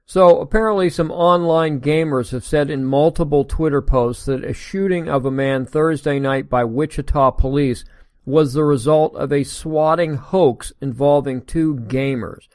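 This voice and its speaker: Recorded in a studio with no room sound, a somewhat high-voiced American podcast host reads an article a little slowly, his tone darkish. He keeps interrupting the passages with sarcastic, indignant comments in this casual solo commentary.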